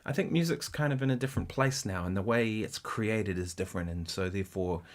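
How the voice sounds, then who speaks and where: A man hosting a casual guitar livestream, rambling in a halting way with many restarts and sometimes counting rhythms aloud. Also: fairly low pitch.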